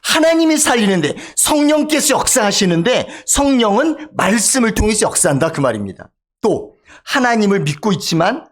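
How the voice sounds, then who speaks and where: A male pastor delivering a sermon in a church, emphatic and calling out for amens from the congregation. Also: high voice. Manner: emphatic, calls for amen from congregation. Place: church sanctuary.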